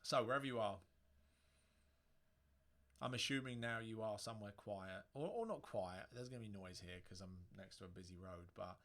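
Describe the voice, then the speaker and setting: A man's voice: fairly low pitch, moderate pace, fairly bright tone. A man giving a guided relaxation lesson in an informal, conversational way, as a breathing instructor. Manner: informal, conversational, with joking asides. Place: indoor room near a busy road. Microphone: microphone within arm's reach, facing a screen.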